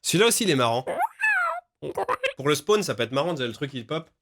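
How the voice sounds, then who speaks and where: A man's voice: mid-range voice, quick pace, background noise. Man casually explaining his recording process. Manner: relaxed, frequent fillers. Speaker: game developer and voice actor.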